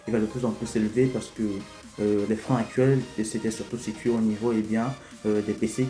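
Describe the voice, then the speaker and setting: A man from Africa talking to camera in a vlog, explaining things in an unhurried, hesitant way. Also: medium pitch, dark tone. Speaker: vlogger. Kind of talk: casual explanatory vlog talk. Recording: echoey room with faint music.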